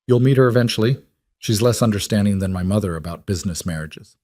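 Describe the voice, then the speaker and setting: A man doing a calm, curt crime boss. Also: fairly low pitch, quick pace, dry recording, clean studio sound, natural voice. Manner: calm, curt, matter-of-fact. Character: controlled, possessive adult crime boss husband.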